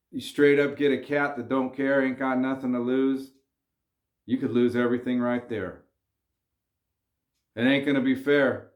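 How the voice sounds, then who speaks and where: In an echoey room, a man with a mid-range voice addresses the camera directly, offering casual advice. He's laid-back and slangy yet earnest, cautioning viewers to keep their cool.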